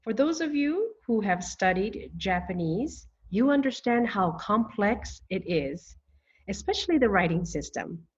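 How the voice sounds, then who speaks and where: A woman teaching a beginner language lesson at an unhurried pace, stretching each new word out syllable by syllable. Her pitch sits in a middle range. The recording sounds a little dull and lo-fi. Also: lively intonation, slightly rough. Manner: slow, deliberate, spells out words syllable by syllable. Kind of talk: scripted lesson narration.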